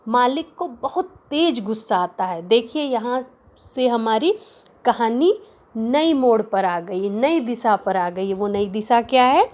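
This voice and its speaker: Woman teacher, literature lesson, slow explanations, repeats phrases, fairly high voice. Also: animated, a little mellow. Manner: explains words slowly, repeating phrases and asking questions.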